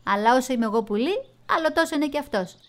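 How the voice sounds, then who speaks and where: A woman's voice: sits high, lively intonation, pitched above the performer's own voice. A woman voicing a cheeky male squirrel who scoffs at the others. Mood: mocking.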